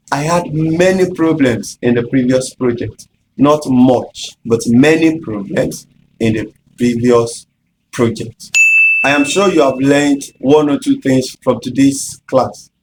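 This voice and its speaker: Man giving a measured grammar lesson. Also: fairly high pitch, a little mellow, a little hiss or hum, poor audio. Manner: measured, explanatory, addresses viewers directly. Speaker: English tutor.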